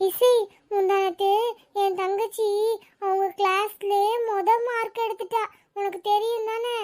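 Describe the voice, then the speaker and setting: A woman's voice: extremely high pitch, flat delivery, measured pace, a little mellow. A woman voicing a sulky schoolgirl, an older sister who feels overlooked and complains in a mopey way. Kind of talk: cartoon voice acting.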